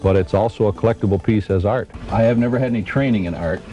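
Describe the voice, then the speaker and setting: Mellow-voiced man in his fifties. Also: lowish voice, fast, muffled recording, soft background music. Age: 50s. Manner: relaxed storyteller with hesitant fillers. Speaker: artist and furniture maker. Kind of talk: casual interview.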